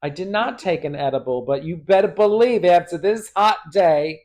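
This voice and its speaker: A man's voice: sits high, moderate pace, a little mellow. Campy, sassy drag performer man. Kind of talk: casual storytelling monologue. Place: at home.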